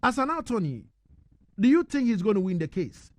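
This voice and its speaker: A man's voice: high-pitched, big pitch swings, fairly quick, a little mellow, dry recording. Man on a choppy, cutting-out connection. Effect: choppy remote connection, voice cutting out. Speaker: radio show host. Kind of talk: interviewing a guest over a remote line. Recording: connection cutting in and out, sometimes distant.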